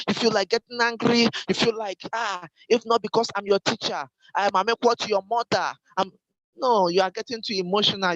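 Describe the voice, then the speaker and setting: Male church trainer, high-pitched voice, direct and instructive, repeats key points to drive them home. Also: a bit bright, slight background noise, low-quality recording. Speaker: Sunday school teacher trainer.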